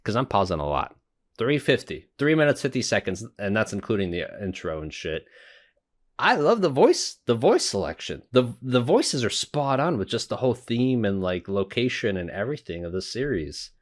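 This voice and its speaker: A man's voice: fairly low pitch, sing-song, normal speed. A young man giving informal, sweary, blurted commentary as he watches an anime. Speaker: reaction video host.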